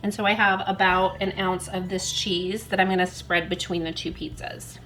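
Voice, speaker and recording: A woman's voice: on the low side, flat delivery, normal speed, fairly bright tone, poor audio. A woman hosting a home cooking demonstration in her kitchen, chatty and self-deprecating as she talks through each step while working. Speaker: cooking channel host.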